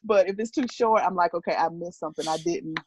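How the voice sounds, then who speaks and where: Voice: mid-range voice, fairly quick, breathy edge, rough recording. A teacher on a video call, chatty and self-deprecating, laughing often while talking. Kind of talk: casual video-call discussion.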